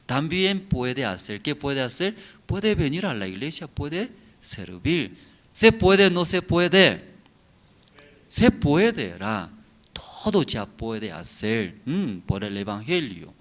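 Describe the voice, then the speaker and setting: A male pastor with a foreign accent in his Spanish, preaching slowly and often checking in with his congregation. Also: mid-range voice, a bit bright. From outside Bolivia. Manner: slow, halting, constantly checking in with the listeners. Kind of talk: sermon to a congregation.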